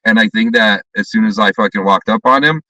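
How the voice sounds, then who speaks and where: A man's voice: on the low side, a little fast, bright, forceful tone, no room sound. A man in a casual chat, telling a story in a heated, profane way, heard from a distance on a dull recording.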